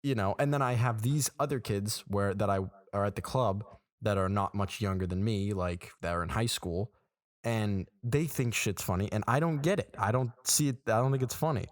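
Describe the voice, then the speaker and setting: At normal speed and on the low side in pitch, a twenty-something co-host chats casually on a podcast recorded in a small room. The studio sound is clean with no room sound as he animatedly tells stories and acts out others' reactions.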